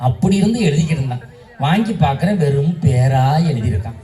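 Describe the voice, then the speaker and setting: A man who is a schoolteacher and debate moderator, telling jokes in a humorous stage speech and shouting his punchlines. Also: on the high side, lively intonation, quick pace, distant mic. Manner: joking storyteller, bursts into shouted punchlines.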